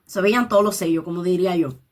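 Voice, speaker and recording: A woman's voice: lowish voice, fast. A woman leading a Bible study, reading scripture aloud and explaining it in her own words, dropping in English interjections. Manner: reads scripture aloud and paraphrases it.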